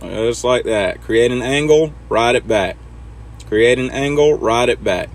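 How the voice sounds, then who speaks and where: Easygoing guy talking through backing a rig in a sim game, mid pitch, chill. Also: measured pace. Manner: laid-back, talks to himself while driving. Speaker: truck driver teaching backing. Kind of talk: casual instructional commentary over gameplay.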